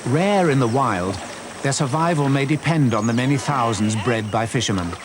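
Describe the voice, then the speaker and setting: Male narrator for a nature documentary: mid-pitched, measured and serious, with loud animal and outdoor sound behind the voice. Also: animated, background noise.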